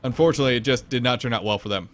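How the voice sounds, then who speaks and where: A man's voice: medium pitch, very fast, slight background noise. A man commentating a competitive online game match, explaining tactics and calling the action. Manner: analytical, explains tactics, bursts of excitement at big plays. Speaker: esports commentator.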